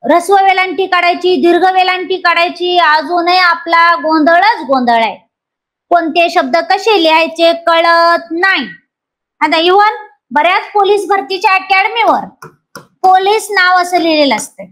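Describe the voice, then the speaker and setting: This lively grammar teacher from Maharashtra speaks in a very high voice, a little slowly, to a class preparing for exams. Questions come at the students nonstop, and she goes over each rule repeatedly until it sticks.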